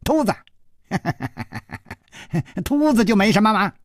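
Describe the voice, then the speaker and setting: A man's voice: very high voice, very animated, measured pace, a bit bright, dry recording, studio quality, voice pushed up, exaggerated voice. A man voicing a chatty, giggling bald old man in a radio storytelling performance. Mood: gleeful. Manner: teasing, cackling, rambling.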